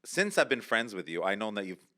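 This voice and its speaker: A man's voice: fairly low pitch, sing-song, fast, pushed and bright. A man hosting a casual podcast chat, playful and teasing, laughing often. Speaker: podcast host. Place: indoor studio with a couch.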